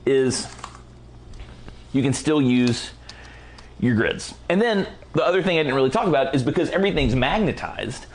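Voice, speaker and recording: A man teaching a casual photography lighting tutorial in a relaxed, slangy, enthusiastic way while he is losing his voice. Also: mid-range voice, normal speed, pauses often, slight background noise. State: losing his voice, clearing throat. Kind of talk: casual product walkthrough tutorial.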